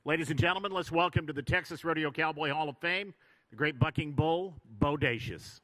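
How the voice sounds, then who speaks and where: A man with an American accent hosting a live ceremony, introducing honorees in a formal, measured build-up. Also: fairly high pitch, a bit bright, rough recording. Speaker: ceremony host.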